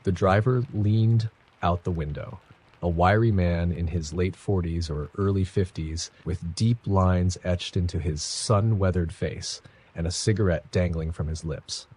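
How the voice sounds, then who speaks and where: A man reading a first-person horror story in a measured, somber scripted narration. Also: deep voice, fairly even intonation, a little mellow, breathy edge.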